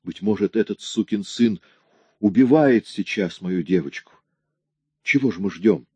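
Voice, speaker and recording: A man's voice: on the low side, measured pace, warm tone, slightly rough, dry recording. A man voicing a huge, desperate, hot-tempered father who pleads and bursts with anger. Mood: furious.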